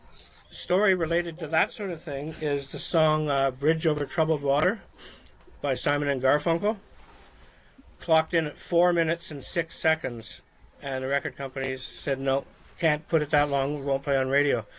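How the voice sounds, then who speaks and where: A man co-hosting a casual trivia chat, telling stories in a rambling, relaxed way with lots of fillers. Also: on the high side, moderate pace. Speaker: podcast co-host.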